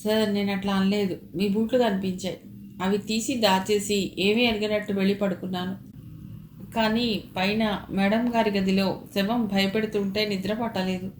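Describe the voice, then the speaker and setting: Woman voicing a frightened male servant, hesitant, halting, audio novel, roomy echo. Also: mid-range voice, fairly even intonation, a little hiss or hum, natural voice. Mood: fearful.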